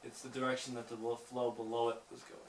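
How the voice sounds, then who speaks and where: A man's voice: medium pitch, monotone, fast. Echoing male cave guide, distant from the mic. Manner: echoing cave guide, informal teacherly explaining; jokey asides. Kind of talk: guided tour talk, explaining and questioning the group. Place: inside a lava tube cave. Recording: echoey cave, distant mic, faint noise.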